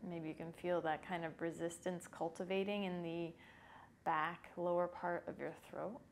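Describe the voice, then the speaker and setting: In a small indoor yoga room, a woman around thirty leads a follow-along breathing lesson, calm, unhurried, and informal. She speaks into a lapel mic with a fairly low voice, and a little hiss or hum sits under the recording.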